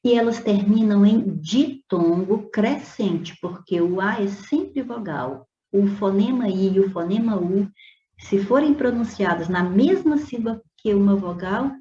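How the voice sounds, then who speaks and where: A woman Portuguese teacher going over exam questions, stretching out example words slowly and checking in with her students as she explains. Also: medium pitch, warm tone. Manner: checks in with "né?" and "tá vendo?". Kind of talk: exam review lesson. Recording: roomy, dull lo-fi with faint noise.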